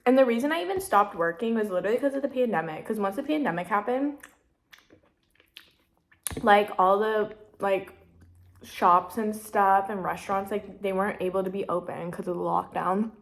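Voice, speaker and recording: A woman's voice: medium pitch, normal speed. A woman in her twenties talking casually to camera while eating, rambling with lots of "like" and "literally," sometimes with her mouth full. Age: 20s. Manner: chatty, rambling, heavy use of "like" and "literally". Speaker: vlogger. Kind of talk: casual mukbang chat.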